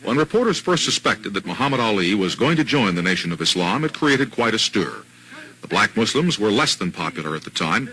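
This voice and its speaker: A man as a news anchor reading scripted narration in a measured broadcast delivery. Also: on the low side, sing-song, pushed and bright, rough recording.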